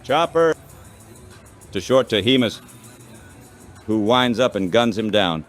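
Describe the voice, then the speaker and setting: Soft background music sits under a man's synthetic text-to-speech voice giving baseball radio play-by-play in short, clipped phrases. The voice is lowish, expressive, and slow.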